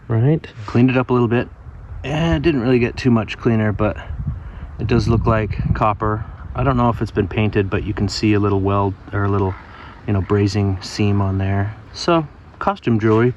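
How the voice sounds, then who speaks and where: A man's voice: on the low side, a little mellow, lo-fi sound, a little hiss or hum. A man narrating a casual outdoor vlog as a metal detecting hobbyist, thinking aloud in a musing, tentative way. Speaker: metal detecting hobbyist presenting his finds. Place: outdoors in a backyard.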